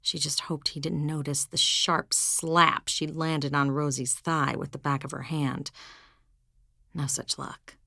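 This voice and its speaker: Low, gravelly woman narrator. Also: flat delivery, takes it slowly, pushed and bright, no echo, studio quality. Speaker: audiobook narrator. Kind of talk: scripted narration.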